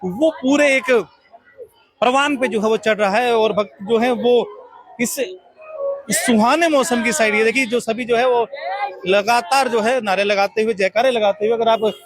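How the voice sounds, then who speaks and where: A man's voice: very high voice, moderate pace. A man reporting live from a religious procession outdoors, rambling commentary with many fillers and chatty questions to passersby. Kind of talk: live on-the-street commentary and interviews. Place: outdoors at a crowded rainy procession.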